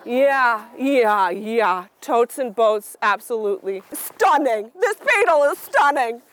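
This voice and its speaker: A drag queen performs storytime for preschoolers, reading in a sassy, campy, theatrical style full of exclamations and questions that invite the kids to call back. The voice is medium-pitched, animated, slow, and somewhat bright.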